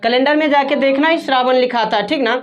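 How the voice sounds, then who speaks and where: A woman's voice: sits high, fast, lo-fi sound. A woman teacher giving a classroom grammar lesson, who asks her students questions and repeats their answers back.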